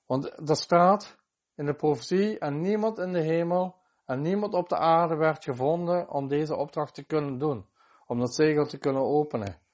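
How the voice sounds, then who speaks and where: A man's voice: fairly high pitch, a little mellow. A man preaching a sermon, quoting scripture with chapter and verse in an emphatic manner.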